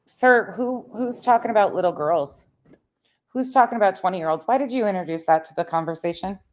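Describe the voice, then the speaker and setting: A woman's voice: medium pitch, lively intonation, fairly quick. A woman streamer reacting to clips with blunt, sarcastic, profane commentary. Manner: blunt, sarcastic, swears freely.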